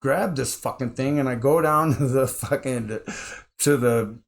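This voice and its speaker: A man's voice: mid-range voice, measured pace, gravelly. A man in casual conversation telling a rambling story, swearing constantly and acting out his own quotes. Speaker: interview guest.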